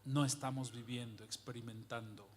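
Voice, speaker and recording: A man preaching a sermon with passion, asking rhetorical questions and swinging from hushed to loud. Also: mid-range voice, fairly even intonation, normal speed, slight background noise.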